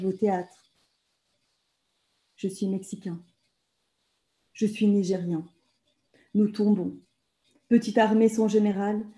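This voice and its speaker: A woman's voice: medium pitch, warm tone. A woman in her thirties reading her own poetry aloud over a video call from home, with an intense, rhythmic, incantatory delivery. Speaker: author reading her work. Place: home room with bookshelves. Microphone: video call laptop mic.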